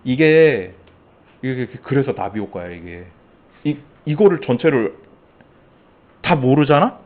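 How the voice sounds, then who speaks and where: Guy lecturing a class, super animated, acts out little scenes, sounds tinny like a phone. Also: medium pitch, unhurried. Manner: animated storytelling, acting out coworkers' quotes.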